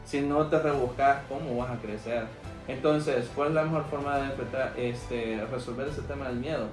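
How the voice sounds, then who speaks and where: Salvadoran man, young adult, frank storyteller with many fillers; roomy studio, soft music under. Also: mid-range voice, steady tone, moderate pace. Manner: frank, anecdotal, heavy on fillers like "este" and "¿verdad?". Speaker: English teacher and former call center agent. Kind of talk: casual podcast interview.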